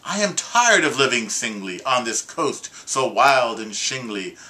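Dad reading a silly poem out loud, bright voice, bouncy sing-song rhythm. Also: male voice, mid-range voice, measured pace. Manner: rhythmic, sing-song recitation with lively shifts in emphasis. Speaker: father reading a poem aloud with his child. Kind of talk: expressive poetry reading.

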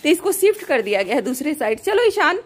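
In a brisk, very animated, high-pitched voice, a Bihari mother in middle age vlogs her walk through an old village school while directing her son. She is from Bihar, India, and has a Bihari Hindi accent. The clip is shot on a phone held out at arm's length.

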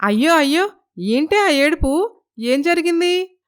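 A woman voicing a quick-tempered village mother who fiercely sides with her daughter, speaking loudly and indignantly. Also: on the high side, animated, clear, resonant tone. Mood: fussing. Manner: loud, indignant.

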